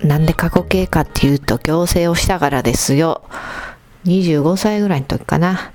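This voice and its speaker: A woman's voice: sits low, normal speed, a little mellow, soft background music. A woman with a Kansai accent hosting a casual solo podcast, chatty and joking as she reads and answers listener mail. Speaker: podcast host.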